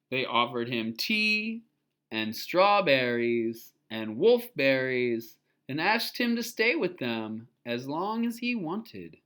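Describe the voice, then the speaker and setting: Reading to children with plenty of expression, this storyteller speaks at a medium pitch and pauses along the way to explain and to ask questions.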